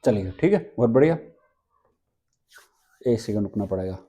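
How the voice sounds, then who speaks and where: A man's voice: fairly low pitch, animated, moderate pace, warm tone. A male teacher running an exam-prep lesson, asking questions and answering them himself and repeating key points.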